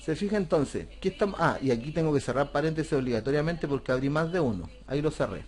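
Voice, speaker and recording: A man's voice: fairly high pitch, expressive, quick pace, a little mellow. A man teaching a computer class, explaining a spreadsheet step by step and asking rhetorical questions. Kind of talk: screen-recorded software tutorial.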